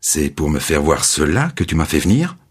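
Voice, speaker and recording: A man reading the part of a quick-tempered male novelist in a spoken story, brusque and irritable. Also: rumbling low, very animated, husky, full character voice.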